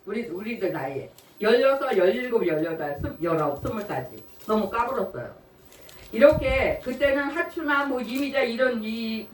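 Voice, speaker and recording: A woman in her sixties gives a sermon in a conversational way, telling personal stories, laughing often and asking the congregation questions. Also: medium pitch. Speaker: preacher. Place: church sanctuary. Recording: echoey church hall, mic far off, faint noise.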